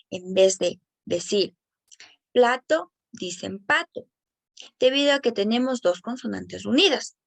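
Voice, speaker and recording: A woman reads an educational presentation in a careful, explanatory way. Her voice sits a little high with a gravelly, creaky texture. The recording is close and dry, with no room sound. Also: dry recording. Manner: careful, explanatory, slows down on example words.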